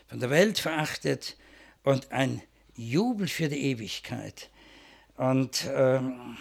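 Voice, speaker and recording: A man's voice: mid-range voice, vocal fry, slightly rough. A man preaching a sermon, telling a story in a storytelling way that rises to fervent emphasis, then closing with a prayer.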